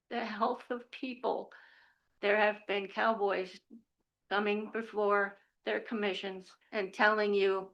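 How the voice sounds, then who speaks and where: An older woman giving a public comment at a county meeting, upset and halting, her voice shaking as she pleads and apologizes. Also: on the high side, a bit bright. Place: county commission meeting room.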